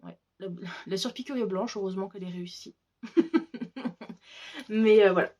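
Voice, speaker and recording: A woman's voice: medium pitch, steady tone, moderate pace, darkish tone. A woman chatting casually and enthusiastically as a craft vlogger, showing her handmade pouches, with lots of fillers. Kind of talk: casual show-and-tell.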